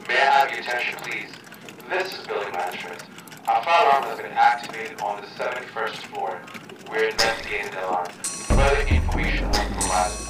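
A man's voice: lowish voice, distant mic, music in the background. Man's announcement over the building intercom. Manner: formal, measured, repetitive. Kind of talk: public address announcement. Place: stairwell of a high-rise building. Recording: echoey loudspeaker heard from afar.

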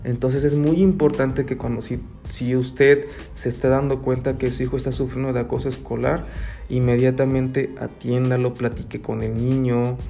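A man, explaining earnestly to parents as a guest expert, pausing and restarting often. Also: medium pitch, flat delivery, creaky, mellow, soft background music. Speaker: guest expert on child bullying. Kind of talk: radio-style talk, advising parents.

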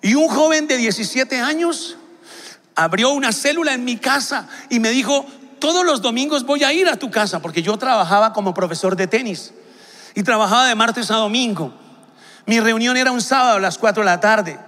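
A man preaches to a youth gathering, his high voice ringing bright and forceful. He builds passionately and often breaks into shouts. The sound trails off in the long reverb of a large church hall. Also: moderate pace. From Colombia. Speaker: pastor. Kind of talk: sermon to young people.

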